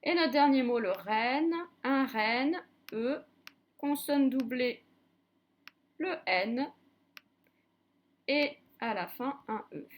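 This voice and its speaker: A woman's voice: high-pitched, lively intonation, very slow, pauses often. A woman teacher giving a recorded reading lesson to young children, patiently spelling out letters one by one. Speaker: primary school teacher.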